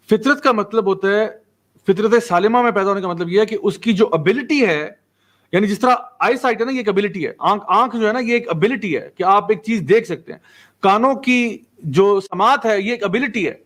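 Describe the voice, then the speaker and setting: A man's voice: high-pitched, a bit bright. A man teaching Quran commentary, building his points with everyday examples and rhetorical questions, and mixing English terms into his talk. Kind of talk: religious lecture explaining Quran verses.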